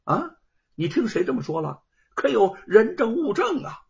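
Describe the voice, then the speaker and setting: A man voicing a composed scholar who answers his accusers in a ringing, gently mocking voice. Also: sits high, sing-song, normal speed, creaky, husky, voice pushed up, heavily acted. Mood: self-assured. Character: confident male scholar-author defending himself. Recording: dull lo-fi recording.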